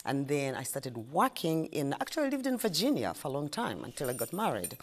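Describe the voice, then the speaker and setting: A middle-aged woman with a Ugandan accent, chatting as an interview guest, halting with fillers and restarts. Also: sits low, big pitch swings. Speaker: guest, shop owner. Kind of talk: casual interview chat.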